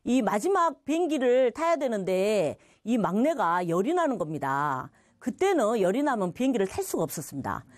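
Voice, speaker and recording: Lively middle-aged woman giving testimony. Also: on the high side, moderate pace, few pauses, no echo, clean studio sound. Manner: storytelling with quoted voices and laughter. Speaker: church testimony speaker. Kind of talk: personal testimony.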